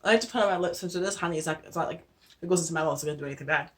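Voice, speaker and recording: A woman's voice: fairly low pitch, rapid-fire. A young adult woman giving a casual skincare tutorial, chatty and out of breath, with many fillers and restarts. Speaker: beauty vlogger.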